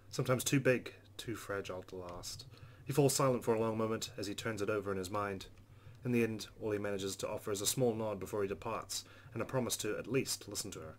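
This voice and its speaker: This let's play host has a lowish voice, with a bit of hiss or hum in the audio. He reads visual novel narration with expression and throws in casual asides as he goes.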